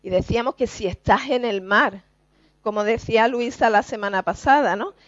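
A woman's voice: on the high side, no echo, dull audio. A woman preacher giving an earnest, emphatic sermon to her congregation. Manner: earnest, slow and emphatic, addresses the congregation directly.

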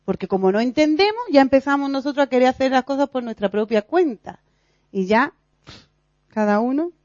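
A woman's voice: high-pitched, expressive, fairly quick, darkish tone, dry recording, highs cut off. A woman giving an earnest, confessional religious teaching, acting out her own worries aloud and laughing at herself. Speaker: lay teacher in a church group.

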